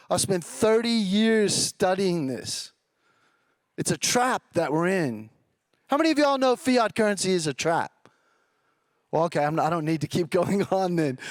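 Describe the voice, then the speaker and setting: A man's voice: high voice, no echo. A man giving a live conference talk, chatting with the crowd and asking the audience questions. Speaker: conference speaker. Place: large event venue with a live audience.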